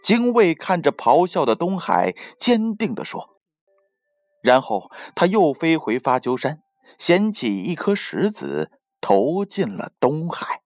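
A woman narrating a myth in scripted storybook style, expressive and swooping in her delivery. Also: deep voice, slow, dry recording. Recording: dry close studio voice with soft music.

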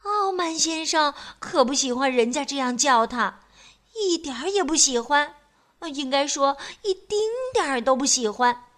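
A woman telling a story to young children, expressive and playful, with chatty asides to the listener. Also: high voice, normal speed.

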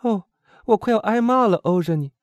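A man's voice: high-pitched, animated, a little fast, no echo, pitched above the performer's own voice. A man voicing a timid young woman who admires her bolder friend and worries about trouble. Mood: admiring. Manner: anxious, admiring.

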